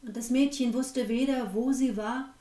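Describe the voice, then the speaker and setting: A woman reads a fairy tale aloud in a calm, even voice. Her voice is fairly high and mellow. It carries an echoey room sound and stays a little distant from the mic. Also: moderate pace. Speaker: narrator.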